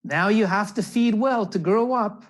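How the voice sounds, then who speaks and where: An older man with a high, unhurried voice reads a children's picture story aloud and explains it as a naturalist. He's indoors on a video call, picked up by the computer's microphone.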